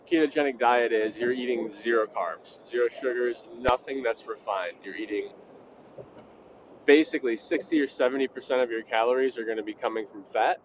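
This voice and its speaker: A man's voice: medium pitch, highs cut off, slight background noise. A young man hosting his own podcast, talking casually and bluntly, with the odd swear word. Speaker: podcast host. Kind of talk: casual solo podcast talk.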